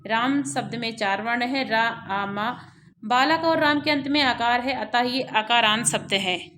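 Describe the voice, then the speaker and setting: A woman's voice: fairly high pitch, unhurried, bright, forceful tone, slight background noise. A woman teaching a Sanskrit grammar lesson, reading it out and spelling syllables one by one with many repeats.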